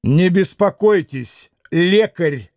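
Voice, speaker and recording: A man reading the part of a defiant, insolent teenage boy who makes sharp, cutting remarks. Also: high-pitched, expressive, slow pace, no room sound, clean studio sound, full character voice.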